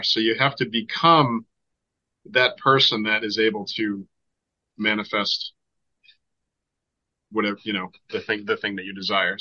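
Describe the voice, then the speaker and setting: A man with a Boston accent chats eagerly as a podcast guest, his low voice carrying a bright, forceful edge. He often restarts his sentences and keeps the talk moving. The audio is a little dull and lo-fi. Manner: enthusiastic, chatty, restarts often. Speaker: podcast guest, Reiki healer. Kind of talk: casual conversation.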